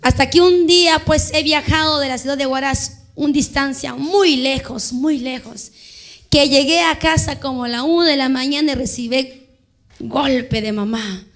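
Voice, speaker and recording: A woman preaches her testimony from the pulpit. Her voice sits high and bright, and she speaks with fervor, often turning to address the congregation directly. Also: normal speed. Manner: fervent, addresses listeners as brothers, quotes others in dialogue. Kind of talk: sermon testimony.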